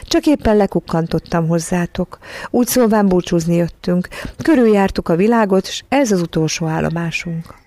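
Reader doing a prim nanny, curt and firm, gravelly, in a dry booth read. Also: mid-range voice, darkish tone, dry recording, close to an everyday voice. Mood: cheerful. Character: stern prim woman nanny.

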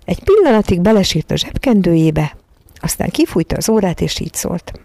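A woman reading a children's story aloud in an expressive storytelling manner. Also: fairly low pitch, creaky, no echo. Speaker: reader.

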